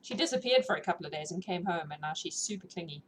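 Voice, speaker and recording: Here the same book-reading streamer talks fast and animatedly, her voice on the low side, giggling through informal chat with her audience. Her accent mixes South African, British and New Zealand features, and there's clearly noisy room sound behind her.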